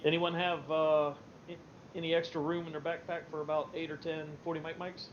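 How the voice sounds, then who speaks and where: A man's voice: level tone, brisk. A man acting as squad leader, giving casual tactical instructions over game voice chat. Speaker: squad leader in an online military sim. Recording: muffled, noisy game voice chat with rumble.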